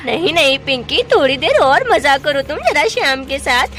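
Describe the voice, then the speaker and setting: A woman voicing an excited, chatty little village girl in a doll story. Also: sits high, normal speed, slight background noise. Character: lively little village girl, eager and bossy.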